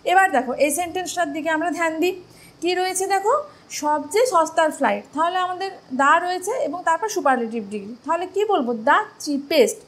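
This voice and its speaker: Bengali-accented woman doing an exam prep grammar lesson, pretty high voice, keeps asking students questions then answering. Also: expressive, fairly quick, a bit bright. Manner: explains step by step, asks questions then answers them; addresses students directly, urging daily practice. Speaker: English grammar teacher.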